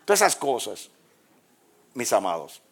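Animated preacher man. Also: a little slow. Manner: animated storytelling, acts out dialogue with God and the devil; swings from low murmurs to high cries. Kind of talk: sermon.

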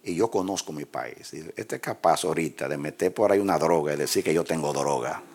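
Pastor guy, low voice, preaching and telling stories all animated. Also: fairly quick, slightly rough. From Dominican Republic. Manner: lively storyteller, acts out dialogue and laughs at his own stories. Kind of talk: sermon with personal anecdotes.

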